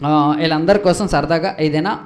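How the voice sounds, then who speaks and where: A young man acting as straight man in a comic stage skit, questioning his partner with lively exasperation and calling out to the audience. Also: fairly high pitch, normal speed. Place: event stage before a live audience.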